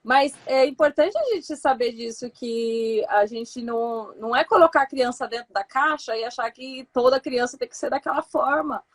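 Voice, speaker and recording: A woman's voice: fairly high pitch, normal speed, few pauses. A woman as a guest in a casual live chat, speaking hesitantly with lots of fillers.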